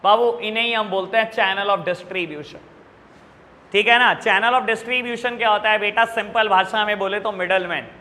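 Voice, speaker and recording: An Indian male teacher lectures his class with a high, sharp, bright voice. He keeps addressing students fondly and checking they follow. The sound carries a long hall reverb. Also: fairly even intonation, measured pace. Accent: Indian English. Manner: addresses students as beta, frequent "theek hai na" checks. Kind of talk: classroom lecture explaining exam questions.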